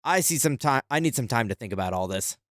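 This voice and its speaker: A man voicing a sharp-tongued young woman alchemist in a video game, reading her lines in a dry, mocking way. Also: mid-range voice, animated, fast, no room sound, natural voice. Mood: hurt.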